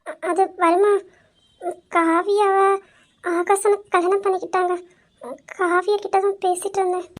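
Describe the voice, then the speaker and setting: A woman's voice: very high-pitched, level tone, unhurried. A woman voicing a sweet-talking young wife in an amateur family drama, pleading, coaxing and teasing her husband.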